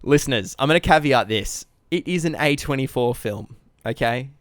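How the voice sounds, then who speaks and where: A man's voice: medium pitch, lively intonation, moderate pace, dry recording, clean studio sound. A man co-hosting a casual comedy film podcast, reading out ratings with a playful, teasing manner and laughing along. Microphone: podcast mic, remote recording.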